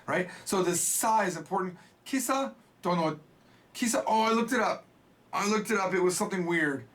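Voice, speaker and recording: A man's voice: sits high, brisk, fairly bright tone. A man giving a casual Japanese lesson, with playful, jokey asides. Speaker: Japanese teacher.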